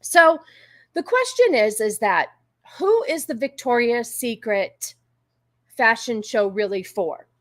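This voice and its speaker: A woman with a slightly high voice hosts a livestream. She talks informally to her viewers and drifts from thought to thought. The sound is close and dry. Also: lively intonation, slow, fairly bright tone, no room sound. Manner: informal, rambling, easily sidetracked. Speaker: livestream host. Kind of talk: casual chat with live viewers.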